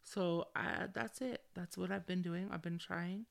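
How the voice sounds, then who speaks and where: Her voice is fairly low and gravelly, steady in tone and measured in pace. A middle-aged woman hosting a solo podcast, she talks openly in a laid-back, slangy way, peppering everything with a valley-girl "like".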